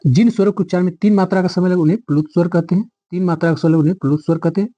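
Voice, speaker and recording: A man's voice: high voice, fairly even intonation, racing, dark tone, no echo. A man teaching a grammar lesson, repeating each key line and quizzing his viewers as he goes.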